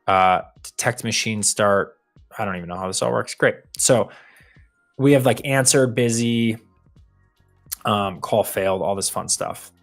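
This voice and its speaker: A man's voice: fairly low pitch, measured pace, faint music behind. A man co-hosting a live coding stream, casually talking through the demo he is building as he goes. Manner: thinks aloud while building, relaxed and meandering.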